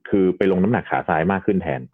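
Deep-voiced male doctor over a tinny line. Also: fairly even intonation, racing, slightly rough. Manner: patient, step-by-step explaining with polite particles. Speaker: doctor, podcast guest. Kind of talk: casual podcast explanation.

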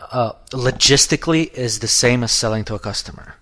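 Man, 30s, podcast co-host, loose chatty delivery, sentences start over a lot, voice going hoarse. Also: mid-range voice, brisk, fairly bright tone. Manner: rambling, restarts often, swears casually. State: losing his voice. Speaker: podcast co-host, app developer. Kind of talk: casual podcast chat.

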